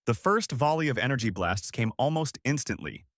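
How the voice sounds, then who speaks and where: Male sci-fi narrator, lively dramatic reading, dry studio sound. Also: medium pitch, moderate pace, no room sound. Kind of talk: scripted sci-fi story narration.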